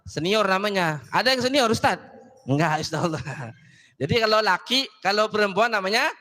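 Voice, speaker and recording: High, bright-voiced preacher man in a hall. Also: animated, normal speed. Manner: joking, chatty, addresses audience directly. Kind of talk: casual sermon to women's gathering. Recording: long hall reverb.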